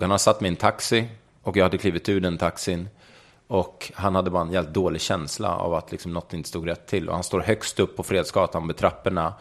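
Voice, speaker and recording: A man's voice: sits low, gravelly. A young man speaking frankly in an interview, retelling a personal story vividly and swearing casually. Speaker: guest.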